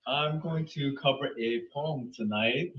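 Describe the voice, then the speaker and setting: A man reading a poem aloud at an open mic in an earnest, measured way. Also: mid-range voice. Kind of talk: poetry reading. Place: small venue. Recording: echoey room from far off, dull sound.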